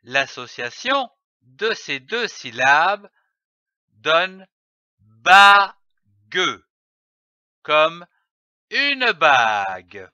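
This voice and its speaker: A man teaching early reading, slowly sounding out and spelling letters and syllables one by one. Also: a little high, very animated, bright, forceful tone, no echo. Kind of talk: slow instructional reading lesson. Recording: dull lo-fi dry recording.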